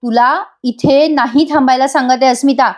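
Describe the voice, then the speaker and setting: A woman's voice: sits high, fairly even intonation, normal speed, lightly acted. A woman reading the part of a caring, firm middle-aged mother. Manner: soothing but firm.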